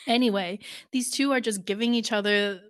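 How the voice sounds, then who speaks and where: Woman co-host, casual recap chat, animated, quick laughs, acts out quoted lines. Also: medium pitch. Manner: laughs often, animated retelling with quoted voices. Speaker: podcast co-host.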